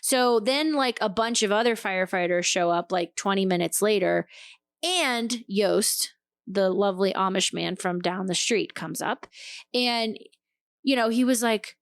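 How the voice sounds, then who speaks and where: A woman co-hosting a podcast, telling a story in casual chat, animated and swearing freely as she acts out what people said. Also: mid-range voice, unhurried, smooth, no echo, clean studio sound. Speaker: podcast co-host.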